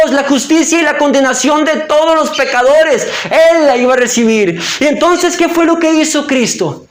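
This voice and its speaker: A male pastor giving an impassioned sermon, stressing phrases slowly and emphatically. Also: extremely high pitch, echoey room. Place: church.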